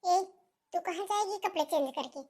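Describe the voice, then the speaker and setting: A bossy mother-in-law from a family melodrama, acted by a woman in a high, piercing voice. She scolds and mocks without letting up. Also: normal speed, darkish tone. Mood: mocking. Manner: shrill, taunting, scolding. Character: scolding middle-aged mother-in-law, harsh and domineering.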